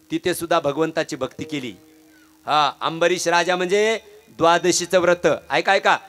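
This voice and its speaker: A man's voice: on the high side, fairly bright tone. A middle-aged man preaching a devotional kirtan, telling stories with energy and breaking into sung verses. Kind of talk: devotional sermon with chanted verses.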